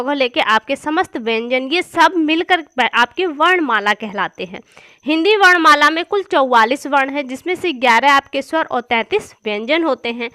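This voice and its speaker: A woman teaching an exam-prep class in a high, bright voice. She explains step by step, repeats key points and answers her own questions. The sound is close and dry, with no room echo.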